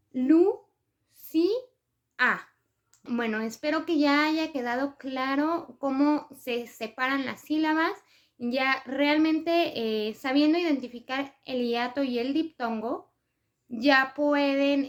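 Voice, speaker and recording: A woman presenting a spelling lesson for writers, explaining step by step with examples and frequent hesitation fillers. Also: high-pitched. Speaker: writing tips presenter.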